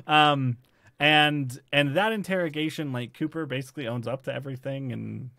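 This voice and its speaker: A man's voice: medium pitch, moderate pace, vocal fry, sharp tone, dry recording, clean studio sound. Rambling man chatting on a podcast. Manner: rambling, filler-heavy, with many restarts. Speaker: podcast host. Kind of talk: casual chat about a TV series.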